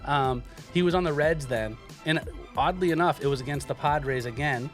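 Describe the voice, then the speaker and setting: A man's voice: a little high, normal speed. Jokey man hosting over music. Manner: jokey, informal. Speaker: sports podcast host. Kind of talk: casual sports banter.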